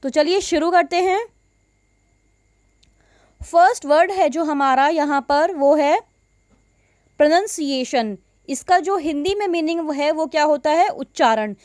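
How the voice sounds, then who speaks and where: A high-pitched woman with an Indian accent teaches pronunciation at an unhurried pace. She draws out each example word with care. Her voice sounds close and dry, with no room around it. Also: darkish tone, no echo. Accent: Indian English. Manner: slow, deliberate, stretches out example words. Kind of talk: Hindi-English mixed lesson.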